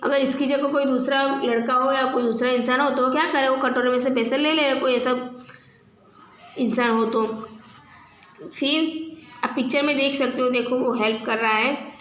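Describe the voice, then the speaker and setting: A woman's voice: high-pitched, steady tone, moderate pace, a bit bright. A woman teacher retelling a lesson story, explaining it step by step with rhetorical questions. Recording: echoey room, faint noise.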